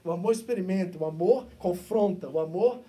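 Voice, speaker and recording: A man with a Brazilian accent preaching a sermon as pastor, moving between loud, emphatic stretches and quiet, intimate asides. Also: high-pitched, a little fast, distant mic. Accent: Brazilian Portuguese. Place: church service.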